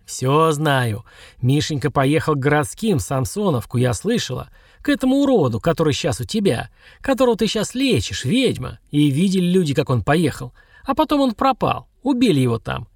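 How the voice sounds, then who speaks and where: A man's voice: a little high, no room sound, clean studio sound. A man voicing a drunken, hulking village woman who screeches hateful accusations.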